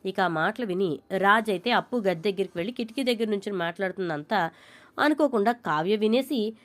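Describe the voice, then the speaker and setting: A woman's voice: mid-range voice, brisk. A woman casually retelling a television serial's plot, narrating events and acting out the characters' lines in turn. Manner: lively, acts out dialogue in turn.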